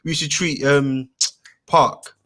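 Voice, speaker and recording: A man's voice: a little high, fairly even intonation, takes it slowly, fairly bright tone. A man with a London roadman accent and slang-heavy street delivery, chatting casually as a podcast panellist. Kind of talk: casual chat.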